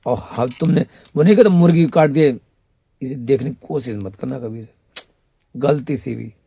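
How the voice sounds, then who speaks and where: A man's voice: medium pitch, moderate pace, vocal fry, warm tone, breathy edge. A man giving a rambling devotional talk as a spiritual guide, scolding and mocking his listeners between teachings, and speaking of himself as a female companion of the goddess. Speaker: devotional guru.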